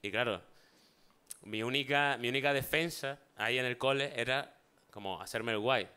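A man's voice: mid-range voice, normal speed, smooth. A man telling funny childhood stories in casual chat, acting out the voices of people in them. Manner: animated storyteller, acts out voices in anecdotes. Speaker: talk show guest.

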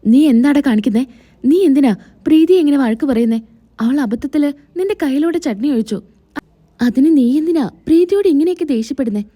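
A stern, caring elder sister voiced by a woman storyteller, earnest and scolding, fairly high with a mellow, dark tone. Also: fairly quick, close to an everyday voice.

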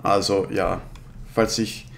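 A man's voice: low-pitched, little pitch movement, takes it slowly, creaky, soft background music. A man in his thirties commenting casually on a game in slangy, laid-back talk, slightly slurred by new braces. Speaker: let's player.

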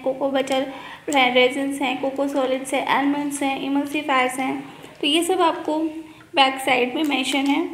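A woman food channel host reviews chocolate in a chatty to-camera vlog, speaking in a high, even voice while seated at a table indoors. She calls viewers "guys" and mixes English phrases into her Hindi, and the home room is echoey with faint noise.

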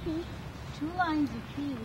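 A grandmother chatting softly with family, admiring the children, picked up from across the room by a home camcorder. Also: high voice, drawn-out words. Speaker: visiting grandmother. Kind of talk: casual family chat. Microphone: camcorder mic from a distance. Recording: distant noisy camcorder audio.

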